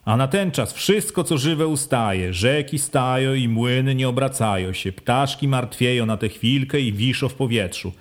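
A man voicing an old, pious wandering beggar who talks slowly and gravely. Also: mid-range voice, lively intonation, close to an everyday voice. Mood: warning.

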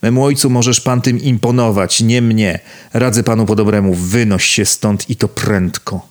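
A man reading the part of a furious young woman in an audiobook, slow and cutting. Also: on the low side, steady tone, natural voice.

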